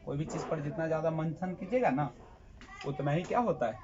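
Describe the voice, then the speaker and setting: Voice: mid-range voice, fairly quick, dull audio, a crowd in the background. Teacher quizzing a class, answering himself. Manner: asks the class a question, then answers it himself; repeats key terms for emphasis. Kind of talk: classroom lecture with call-and-response questions.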